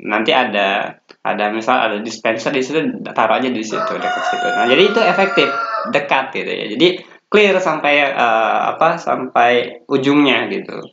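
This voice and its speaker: A man's voice: medium pitch, lively intonation, moderate pace, creaky, a bit bright, slight background noise. A man teaching a course from slides in a casual, loose way, with many fillers and restarts. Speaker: course instructor. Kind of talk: slide-based lecture. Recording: roomy, dull lo-fi sound.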